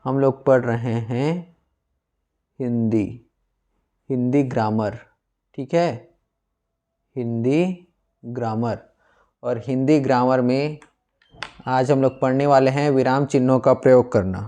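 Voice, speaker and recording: A man's voice: mid-range voice, fairly even intonation, takes it slowly, long pauses, dark tone. A man teaching a Hindi grammar lesson, who asks his students questions and then answers them himself, often repeating key words. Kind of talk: classroom lecture.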